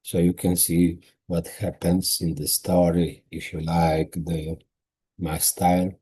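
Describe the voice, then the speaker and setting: Croatian-accented male author, non-native, reads own book slowly, low husky voice. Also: flat delivery, warm tone. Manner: slow careful non-native reading with restarts. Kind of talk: reading his own novel aloud.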